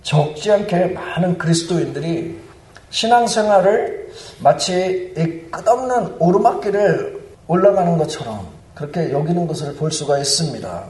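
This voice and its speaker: A man delivers a sermon with earnest, building fervor. His voice sits somewhat high for a man. He is heard from a distance across a large, echoing church sanctuary. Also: expressive, moderate pace, darkish tone. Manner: earnest, building to fervent proclamation. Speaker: preacher. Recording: roomy church hall, mic at a distance.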